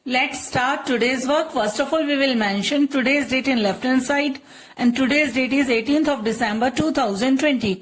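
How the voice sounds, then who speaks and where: A woman's voice: high voice, drawn-out words, reverberant. A woman teacher giving a patient phonics lesson to young children. She asks the class questions and says each word twice.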